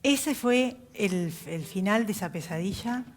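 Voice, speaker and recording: A woman's voice: medium pitch, expressive, a little slow. Rioplatense woman hosting a TV interview. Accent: Rioplatense Spanish. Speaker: TV talk show host. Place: TV studio.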